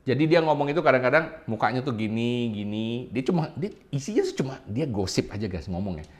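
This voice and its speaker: A man giving casual, animated tutorial talk to viewers as a YouTube growth coach, with playful asides and swooping intonation. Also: medium pitch, brisk.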